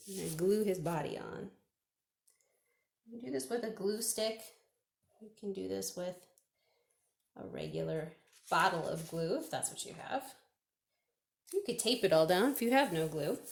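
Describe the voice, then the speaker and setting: A children's librarian with a gravelly, mid-range voice leads a step-by-step craft for kids. She chats along as she goes, asking questions and then answering them herself.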